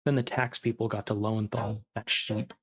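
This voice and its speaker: A man reading as a starving, bitter disgraced surgeon who confesses in a castaway's diary, callous and self-justifying, with a creaky voice. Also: on the low side, level tone, moderate pace, lightly acted. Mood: cynical, unrepentant.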